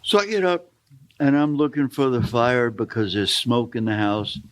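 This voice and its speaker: A man's voice: mid-range voice, moderate pace. An older man telling rambling, folksy stories as a guest on a talk show. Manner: rambling, folksy storytelling with asides. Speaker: storytelling guest. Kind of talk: casual storytelling on a talk show.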